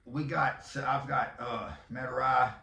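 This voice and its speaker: Lo-fi, off-mic audio in an echoey room captures a Texas podcast host in his fifties, joking and rambling in a casual monologue punctuated by hollers. His voice is mid-range, steady and measured, creaky, pushed and bright.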